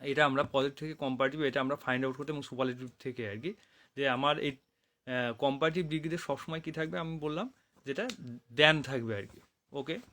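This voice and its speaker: A man from Bangladesh, a college English lecturer, explaining grammar to students in Bengali mixed with English terms, repeating key phrases, correcting himself often and reading definitions out slowly. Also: mid-range voice, pushed and bright. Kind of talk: classroom grammar lecture over slides.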